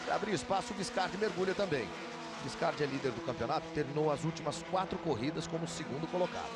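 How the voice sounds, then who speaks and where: A man's voice: fairly high pitch, expressive, fast. A man with a Brazilian accent giving live motor race commentary, drawing out his calls of the action dramatically. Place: commentary booth at a racetrack. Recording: loud engine and trackside noise behind. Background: loud car and outdoor track noise.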